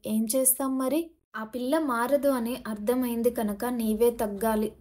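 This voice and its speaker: A woman's voice: a little high, mellow, close to an everyday voice. A woman voicing a frank woman friend giving matter-of-fact advice.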